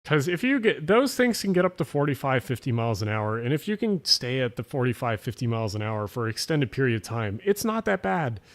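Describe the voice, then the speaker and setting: Hosting a late-night stream, a South Jersey man who's had a bit to drink rambles along casually, answering chat with plenty of fillers and false starts. He's from South Jersey, USA, and has that accent. His mid-range voice is sing-song and a little fast, with hardly any pauses.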